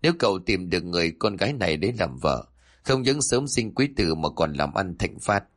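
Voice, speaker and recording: A man's voice: sits low, lively intonation, fairly quick. A man voicing a sly, manipulative older fortune-teller who speaks smugly. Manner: smug, insinuating.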